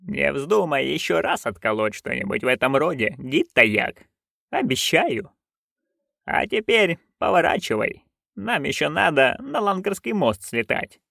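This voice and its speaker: A male reader voicing a proud, stern old witch woman who speaks low and clipped. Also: big pitch swings, measured pace, creaky, hardly any pauses, a bit bright, no room sound, studio quality, full character voice.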